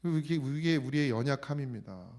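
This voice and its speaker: A middle-aged man preaching a conversational sermon in a church, sometimes quoting God in a lowered voice. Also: expressive, normal speed, darkish tone. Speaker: pastor. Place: church sanctuary.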